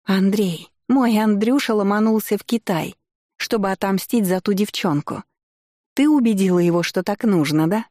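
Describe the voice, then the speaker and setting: A woman's voice: medium pitch, normal speed, dark tone, no echo, studio quality, pitched above the performer's own voice, close to an everyday voice. A woman voicing a sneering jealous witch. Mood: accusing. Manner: accusing, sneering. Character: furious jealous young aristocratic witch woman. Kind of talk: audiobook character voice.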